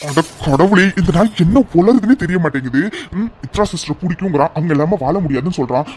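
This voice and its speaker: Cartoon: man voicing a bewildered young male best friend; high, fretful, exasperated. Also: expressive, quick pace, darkish tone, a little hiss or hum, natural voice. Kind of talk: cartoon voice acting.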